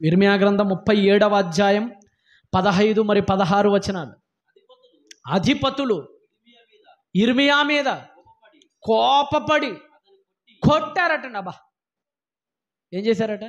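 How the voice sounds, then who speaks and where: A man's voice: sits high, slow, long pauses, dull audio. A man preaching a sermon, scolding his listeners and firing repeated rhetorical questions at them. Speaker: pastor.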